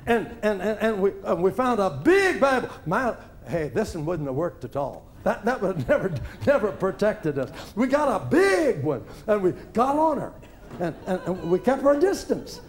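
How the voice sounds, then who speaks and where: A man preaching a testimony as a story, animated, with stammered repeats and chuckling asides. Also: high voice, moderate pace, slight background noise.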